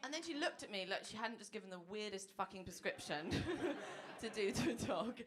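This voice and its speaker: A woman's voice: medium pitch, expressive, fairly quick, a crowd in the background. A woman in her thirties doing a chatty, self-mocking stand-up set, laughing through her own jokes on a comedy club stage. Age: 30s. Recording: noisy live club recording.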